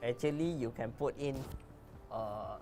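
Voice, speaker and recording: A woman specialist walking through network storage hardware in a plain, patient, matter-of-fact way. Her voice sits low for a woman, with faint music in the background. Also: unhurried, dark tone. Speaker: product specialist. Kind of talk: explaining tech products.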